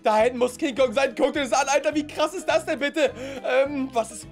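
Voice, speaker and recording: A young man giving excitable, chatty let's-play commentary as a gaming video host. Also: very high voice, brisk, soft background music. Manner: energetic, exclaiming and chatty. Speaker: gaming YouTuber.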